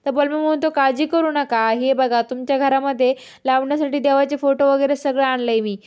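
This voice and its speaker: High-voiced woman retelling a story. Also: steady tone, a little mellow. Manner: quick retelling with many fillers and restarts; quotes every character in her own voice. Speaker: storyteller recapping a TV serial. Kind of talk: casual spoken recap narration.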